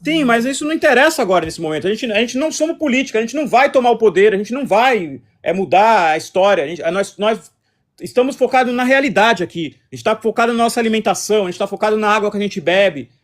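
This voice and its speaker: A man's voice: high-pitched, lively intonation, fast talker. A man with a Brazilian accent hosting a casual live stream, talking combatively and repeating himself as he answers chat comments. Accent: Brazilian Portuguese.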